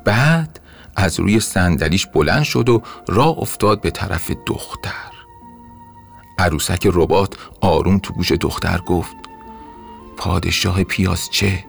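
A man narrating a bedtime story in a gentle, expressive way. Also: low voice, creaky. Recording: soft music under narration.

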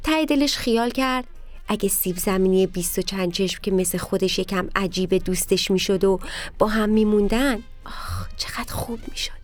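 A woman narrating a children's story, speaking directly to the kids in an animated way. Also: medium pitch, faint music behind.

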